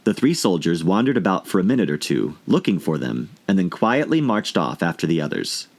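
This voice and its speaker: Low-voiced, very animated male storybook narrator. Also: fairly quick. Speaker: audiobook reader.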